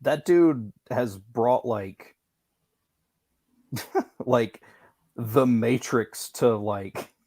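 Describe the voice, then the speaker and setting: A man's voice: mid-range voice, no echo. Chatty man with a dry close sound. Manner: animated, filler-heavy, quick bursts. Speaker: livestream guest. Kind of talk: casual livestream chat.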